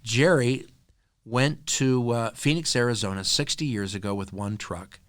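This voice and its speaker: A man guest on a podcast, telling stories in an earnest, animated conversational way. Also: mid-range voice, a little slow, dry recording, clean studio sound. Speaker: podcast guest, nonprofit co-founder. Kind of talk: conversational interview storytelling.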